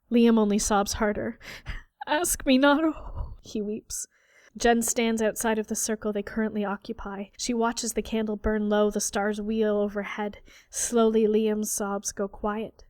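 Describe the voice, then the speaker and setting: A woman narrating an audiobook fairy tale in a measured, dramatic storytelling style. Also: medium pitch, level tone, darkish tone, no room sound, clean studio sound. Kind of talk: scripted narration.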